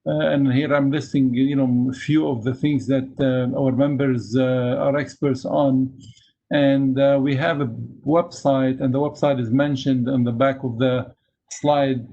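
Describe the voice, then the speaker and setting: Guy giving a slide talk on a video call, mellow voice, lots of uhs and restarts. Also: mid-range voice, flat delivery. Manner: halting, many fillers and restarts. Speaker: webinar speaker for an engineering society. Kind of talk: presentation over slides. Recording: dull lo-fi webinar audio.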